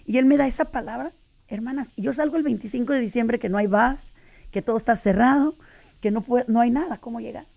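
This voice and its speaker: A woman's voice: on the high side, brisk, gravelly, mellow. A middle-aged woman telling her faith testimony on a radio interview, earnest and addressing listeners as sisters. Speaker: guest giving a testimony.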